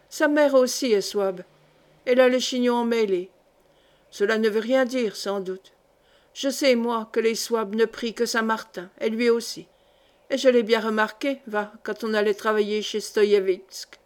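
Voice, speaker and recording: A woman's voice: fairly high pitch, a little slow, close to an everyday voice. A woman reading as a scornful village brawler. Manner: scornful, blustering. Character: quarrelsome village man, boastful and suspicious. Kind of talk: audiobook reading.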